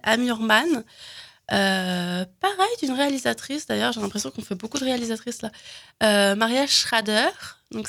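A woman with a gravelly, creaky voice chats casually about films. She hesitates often, filling gaps with fillers and restarting her sentences. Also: a little high, a bit bright. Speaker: film recommendation guest. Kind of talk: casual radio film chat.

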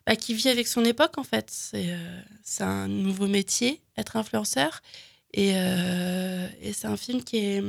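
A woman's voice: mid-range voice, unhurried, vocal fry. A woman recommending films in casual chat, talking with many fillers and restarts. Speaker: film recommendation guest. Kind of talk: casual radio film chat.

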